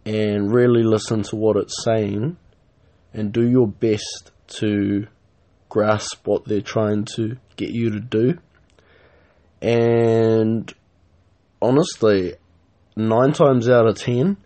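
A man's voice: on the low side, drawn-out words, pauses often. A man hosting his own podcast, talking casually and rambling, with lots of "uh" and "um" fillers. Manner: relaxed, rambling, many fillers. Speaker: podcast host. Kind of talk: casual solo podcast talk.

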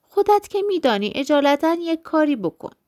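A woman's voice: high-pitched, very animated, darkish tone, voice pushed up. A woman voicing a timid, poor male clerk who pleads anxiously in a storybook reading. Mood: pleading.

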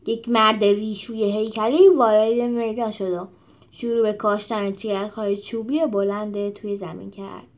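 A woman narrating a children's storybook aloud in an expressive way. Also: mid-range voice.

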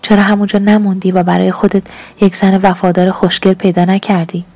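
A woman's voice: medium pitch, flat delivery, dark tone, dry recording, natural voice. A woman reading as a hungry, demanding young lover. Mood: angry. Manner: pleading then accusing, emotional.

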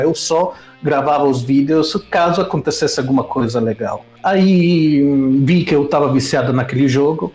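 In an echoey room, an Italian man with an Italian accent speaks in a fairly high-pitched, darkish voice. He's a streamer's guest, telling stories casually during an interview and rambling as he keeps correcting and restarting his sentences.

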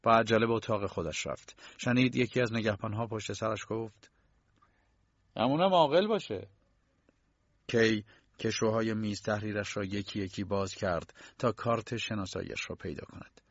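A man narrating a novel as an audiobook in a measured storytelling voice. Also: fairly low pitch, flat delivery, no room sound. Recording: dull lo-fi dry recording.

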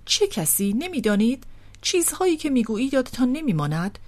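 A woman's voice: a little high, very animated, a little mellow, voice pushed up. A woman reading an audiobook voices a haughty, volatile older aristocratic man who swings theatrically between scolding and tenderness. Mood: indignant.

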